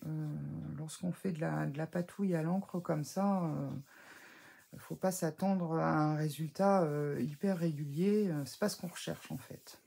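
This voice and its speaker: Woman, low gravelly voice with some huskiness, hesitant and chatty, explaining a craft while she works. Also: fairly even intonation, a little slow, dark tone. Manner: chatty, hesitant, full of fillers and self-corrections; talks while working with her hands, self-mocking. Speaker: scrapbooking crafter. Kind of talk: casual craft tutorial.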